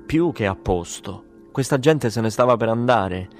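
A man voicing a tipsy, smooth-talking friend who placates others, in an audiobook. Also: medium pitch, expressive, normal speed, faint music behind, natural voice. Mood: placating.

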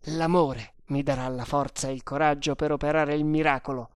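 A woman's voice: low voice, fairly even intonation, fairly quick, clean tone, dry recording, clean studio sound, natural voice. A woman reading an adventure audiobook, voicing a determined young male hero with earnest resolve. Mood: resolute.

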